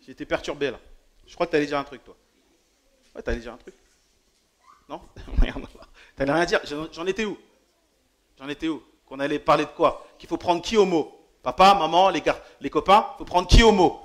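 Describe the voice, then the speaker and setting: A man's voice: fairly high pitch, moderate pace, long pauses, a bit bright. A man giving an informal sermon in church, joking, teasing and quizzing the young people in the pews. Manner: joking, teasing, questions the audience. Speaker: lay preacher. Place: church hall.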